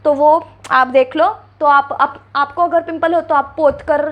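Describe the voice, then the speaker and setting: Young woman beauty vlogger, high pitched, sassy sarcastic comebacks, clip mic, sitting indoors. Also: steady tone, a little slow, muffled recording. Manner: sassy, answers critics with sarcasm. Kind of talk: casual reaction vlog. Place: seated indoors before a ring light and backdrop.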